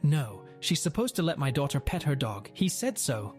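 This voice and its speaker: A stubborn entitled mother speaks, insistent and dismissive, her voice pitched up, performed by a male narrator. Faint music sits under the telling. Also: very animated, normal speed, darkish tone. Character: pushy entitled adult mother, loud and stubborn.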